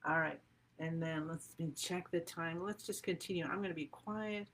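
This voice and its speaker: Woman with a low voice leading a qigong meditation, soothing and chatty, gently encouraging. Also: moderate pace. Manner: informal, self-correcting. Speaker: qigong group meditation leader. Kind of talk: guided meditation, informal and conversational.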